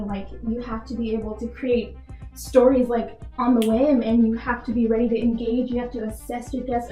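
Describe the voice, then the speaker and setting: This job applicant is a young woman from Texas who works in retail, and she answers interview questions sincerely while using "like" constantly. The voice is a little high and mellow, recorded with a roomy sound and low quality.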